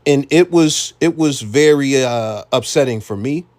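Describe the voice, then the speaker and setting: An American man hosts a reaction commentary channel in a mid-range, darkish voice at a slightly slow pace. He talks bluntly and casually, swearing frequently.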